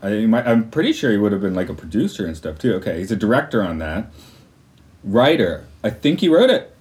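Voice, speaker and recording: Man, podcast co-host, casual and rambling, animated pitch, laughs a lot. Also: a little fast. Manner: rambling, hesitant, with frequent fillers and laughter. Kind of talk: casual chat.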